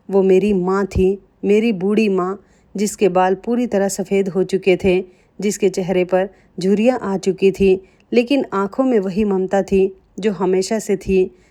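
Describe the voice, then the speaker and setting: A woman narrates a dramatic first-person story in an emotional storytelling manner. She speaks directly to her listeners, at an everyday medium pitch. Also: warm tone. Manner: emotional, addresses listeners as friends.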